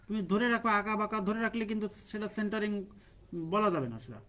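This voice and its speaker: Guy teaching an online class, pretty high voice, audio choppy and cutting out like bad buffering. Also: animated, fairly bright tone. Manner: explains slowly, with repeated phrases and hesitations. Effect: choppy audio cutting in and out like a buffering stream.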